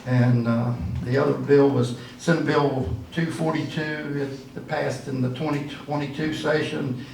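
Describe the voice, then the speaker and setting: An older political candidate gives a folksy, rambling campaign speech full of fillers at a dinner in a church hall, recorded from far away in the echoey space. His mid-range voice is steady, measured and darkish, with vocal fry, and there is slight background noise.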